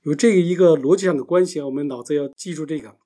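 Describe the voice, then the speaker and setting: A man teaches a Bible lesson in a voice pitched a little above the usual male range. He lays out his points step by step, often posing a question and then answering it. His loudness rises and falls as he moves nearer to the mic and away from it. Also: rapid-fire.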